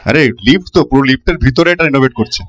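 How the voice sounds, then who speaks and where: A man's voice: mid-range voice, racing, a bit bright. A man doing casual, exclamatory vlog chat full of questions, speaking from inside a motorcycle helmet. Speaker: motovlogger. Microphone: helmet-mounted camera, worn inside a helmet.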